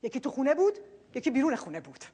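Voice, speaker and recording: Earnest woman preacher, husky voice. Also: high voice, very animated. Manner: earnest, swinging between quiet reflection and loud emphasis. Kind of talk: sermon.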